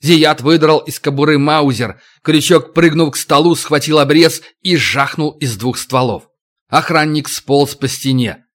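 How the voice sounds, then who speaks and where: A man narrating an audiobook in a steady, dramatic reading. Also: on the high side, unhurried. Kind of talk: scripted narration.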